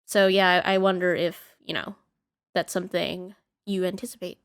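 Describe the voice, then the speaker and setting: A woman's voice: fairly low pitch, level tone, normal speed. A young woman co-hosting a podcast in casual chat, giving blunt opinions and laughing easily. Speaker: podcast co-host.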